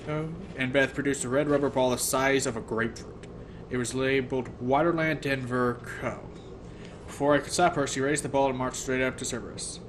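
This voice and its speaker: A man with a mid-range voice reads a first-person novel aloud as an audiobook narrator, at a fairly quick pace with fairly even intonation. He sometimes stumbles and rereads phrases, and the recording has noticeable background noise.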